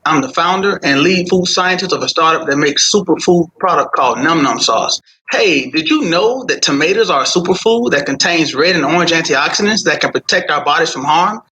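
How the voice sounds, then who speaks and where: A man delivering a rehearsed, confident startup pitch as a founder, with rhetorical questions in a salesman-like way. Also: expressive, fairly quick, few pauses, pushed and bright, poor audio.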